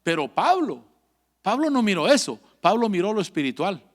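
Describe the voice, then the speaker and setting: Man, pastor, fervent sermon, high voice, repetitive call-and-response. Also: sing-song, normal speed.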